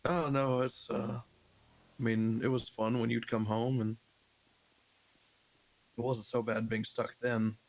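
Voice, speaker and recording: A man in a casual role-play chat, speaking with a flat, dry delivery over a game voice mic. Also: medium pitch, takes it slowly, long pauses. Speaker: fellow role-player.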